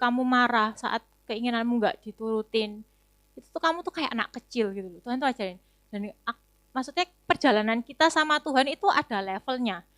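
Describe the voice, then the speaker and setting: A woman's voice: fairly high pitch, a bit bright, no echo, studio quality. A young adult woman giving a chatty, conversational sermon testimony at a youth service, full of casual fillers. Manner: chatty, casual, many fillers and tag words.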